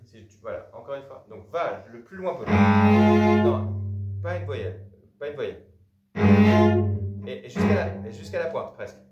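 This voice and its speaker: A man's voice: medium pitch, moderate pace, long pauses, loud music behind the voice. A man teaching a cello master class, correcting a student often and singing out the bow rhythms. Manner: animated, corrects often with repeated "non", sings bow rhythms. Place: rehearsal hall with cello playing. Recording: roomy, distant, dull sound with loud cello.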